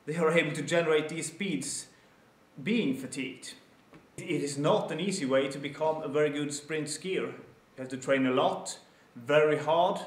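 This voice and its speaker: Researcher, kinda high voice, roomy sound. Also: male voice. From Norway.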